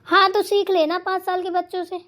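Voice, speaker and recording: A woman's voice: very high voice, flat delivery, brisk. A woman voicing a rude quarrelsome sister-in-law. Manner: sharp, rude, complaining. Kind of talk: cartoon voice acting.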